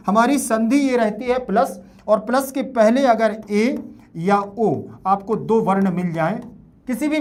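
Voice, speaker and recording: A male teacher with a fairly high, light voice walks students through a grammar rule. He is patient and repetitive and keeps checking that they follow. He makes his points with homely everyday examples. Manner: uses everyday comparisons. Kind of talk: explaining grammar in a class video.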